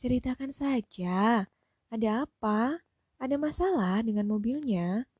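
A woman voicing a stern, well-off woman near fifty who talks sharply and firmly and takes offense quickly. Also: on the high side, a little mellow, slightly rough, dry recording, voice pushed up. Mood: brisk, firm.

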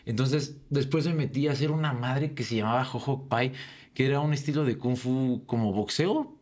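A man's voice: medium pitch, normal speed, darkish tone. Young mexican guy, slangy jokey storyteller, podcast guest. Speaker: guest, jiu-jitsu instructor. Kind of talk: casual chat.

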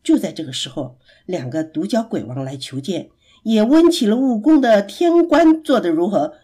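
A woman telling a children's story, dramatic and expressive. Her pitch rises and falls widely, over a mellow, warm tone. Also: moderate pace, husky.

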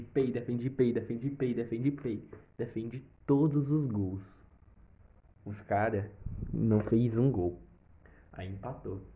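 A young man with a Brazilian accent telling a personal story in a casual, animated way, with sound effects and swearing. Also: on the low side. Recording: slightly dull lo-fi recording.

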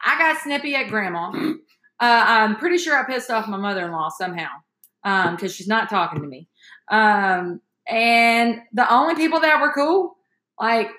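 Her voice on the high side, this woman hosts a podcast and chats casually through stories, addressing listeners as y'all. She's expressive and speaks at a moderate pace with a bright, forceful tone, in an echoey room.

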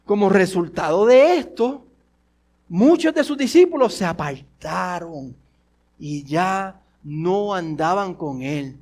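A male pastor preaching a sermon, repeating rhetorical questions and swinging between forceful and hushed delivery. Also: sits high, lively intonation, takes it slowly.

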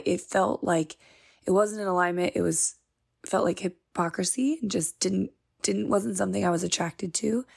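Hoarse, raspy-voiced woman podcaster. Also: on the low side, darkish tone. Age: 30s. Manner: earnest, confiding. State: hoarse from illness. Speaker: podcast host. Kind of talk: personal storytelling.

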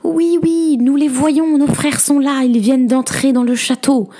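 Woman doing excited sisters calling out. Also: high voice, unhurried, pitched above the performer's own voice. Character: anxious sisters keeping watch, young women.

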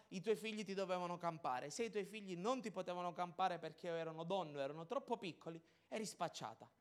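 A high-pitched man delivers an animated sermon. He acts out little dialogues, swinging between shouted emphasis and quiet, confiding asides. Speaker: preacher.

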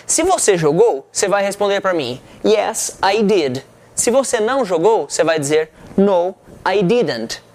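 A man teaching an English lesson, who repeats each example slowly and translates it. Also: high-pitched, animated, a little mellow. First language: Portuguese. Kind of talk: language lesson to camera.

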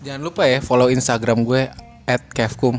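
A man's voice: mid-range voice, fairly even intonation, normal speed, faint music behind. A man from Jakarta, a guest in a casual podcast chat, teasing, laughing often and rambling through his answers.

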